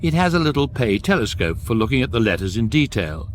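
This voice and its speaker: An actor playing a talking electronic guidebook in a radio comedy, narrating in a measured, lofty and dry way. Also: male voice, mid-range voice, very animated, slight background noise, lightly acted. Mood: lofty, wry. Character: male talking electronic guidebook, wry, grand and unflappable. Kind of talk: scripted comic narration.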